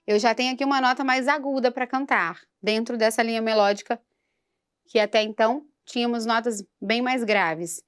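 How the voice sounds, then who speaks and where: A woman's voice: fairly high pitch, fairly even intonation, normal speed, smooth, soft background music. A woman singing teacher giving a patient vocal lesson for a church program and breaking into short sung demonstrations.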